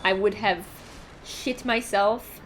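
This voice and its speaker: A woman streamer giving casual gameplay commentary, animated, laughing often and reacting to chat. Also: mid-range voice, slow, slight background noise.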